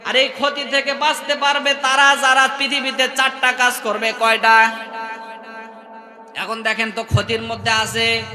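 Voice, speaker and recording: A man preaching in a piercing, high voice with a Bangladeshi Bengali accent. He tells the story in a storyteller's way, half-singing some lines and falling to a hush on others, and he keeps calling on the listeners to answer. The sound is roomy and rings out in a long echo. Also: completely flat delivery, unhurried. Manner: storytelling with sung, chanted rises and sudden hushed drops; asks the crowd to respond. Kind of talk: Bengali waz sermon. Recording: echoey open-air hall with long reverb.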